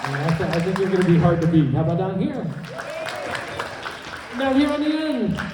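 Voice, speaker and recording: A man's voice: high-pitched, normal speed, crowd noise, background noise. A man hosting a live comedy hypnosis show on stage, giving the audience and participants repeated, simple instructions. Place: indoor conference hall stage. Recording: echoey hall PA, heard from far off.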